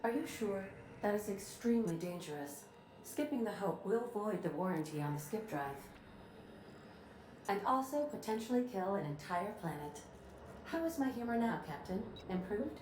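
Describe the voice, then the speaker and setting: A woman plays a courteous female ship's computer AI with a crisp, exact delivery. Her lines come out dry and processed like a machine's. The sound is roomy, with steady noise underneath. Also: medium pitch, moderate pace, close to an everyday voice. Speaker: ship's artificial intelligence. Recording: roomy game audio with background noise.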